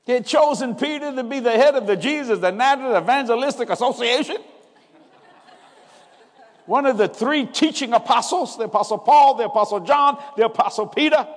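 High-voiced man in a hall. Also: fairly bright tone. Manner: preaching with call-and-response emphasis. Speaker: preacher. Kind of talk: sermon.

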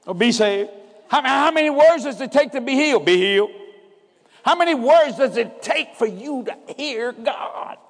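High-voiced man in a hall. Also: animated, normal speed. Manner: preaching with call-and-response emphasis. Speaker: preacher. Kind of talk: sermon.

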